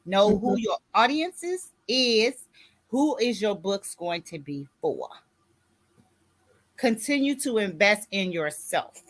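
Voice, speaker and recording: A woman in her sixties, an author and grief coach, gives a motivational talk in a mid-range voice with lively intonation, speaking slowly. Her manner is preachy, and she often asks, "you see what I'm saying?"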